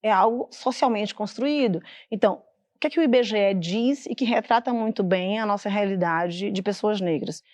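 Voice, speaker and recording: Woman, TV interview guest, measured and emphatic delivery. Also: mid-range voice, darkish tone. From Salvador, Bahia, Brazil. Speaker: interview guest, public prosecutor. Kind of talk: studio TV interview. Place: TV studio.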